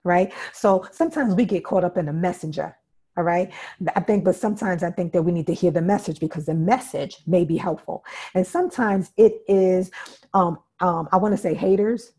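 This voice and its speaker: Warm, low-voiced woman teaching. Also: moderate pace, breathy edge. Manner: emphatic, checks in with "okay?" and "right?"; repeats key phrases for emphasis. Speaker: workshop instructor. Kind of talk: interactive teaching talk.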